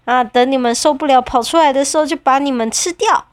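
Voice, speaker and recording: A woman voicing a greedy, scheming orca in a storybook read-aloud, with a loud, gloating voice. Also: high voice, brisk, no room sound, lightly acted. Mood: frustrated.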